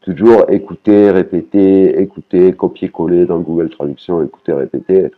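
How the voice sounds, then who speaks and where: A man's voice: deep voice, fairly even intonation, moderate pace, phone-quality sound. A man teaching a language lesson, patiently repeating words and singing out their tones.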